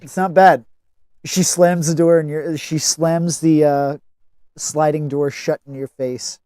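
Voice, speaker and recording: A man serving as game master and narrating a tabletop game, deliberate and focused on the rules. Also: fairly high pitch, fairly even intonation, mellow, no room sound, clean studio sound.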